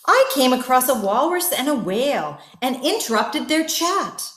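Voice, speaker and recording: A woman with a high voice, visiting as a guest reader, takes her time with a children's bedtime story. Her delivery is expressive; she speaks to the young audience and poses questions full of wonder, all in a reverberant room.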